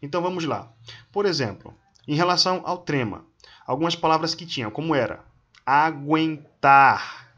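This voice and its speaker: A man teaching a grammar lesson, slowly reading long lists of example words one at a time. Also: fairly high pitch, fairly bright tone, lo-fi sound. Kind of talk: slow instructional reading of word lists.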